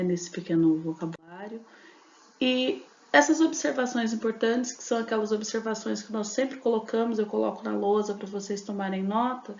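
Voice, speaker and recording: Teacher explaining in an echoey room. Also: female voice, mid-range voice, vocal fry, darkish tone. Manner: explanatory, frequent fillers and tag questions. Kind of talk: recorded class lesson. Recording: echoey dull lo-fi room recording.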